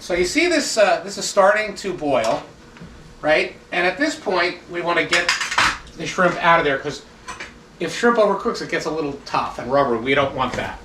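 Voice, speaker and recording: A man chef giving a step-by-step cooking demonstration in a relaxed, instructive way, stopping now and then to restart a phrase. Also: fairly high pitch, moderate pace, noisy background. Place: kitchen. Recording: echoey kitchen, mic at a distance. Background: sizzling pan sounds.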